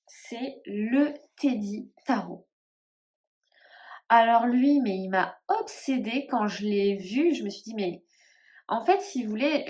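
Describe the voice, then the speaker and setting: A woman's voice: fairly high pitch, darkish tone. Hesitant woman musing over tarot cards. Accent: northern French (Ch'ti). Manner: hesitant, musing, many fillers and trailing off. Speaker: tarot vlogger. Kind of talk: casual chat to camera.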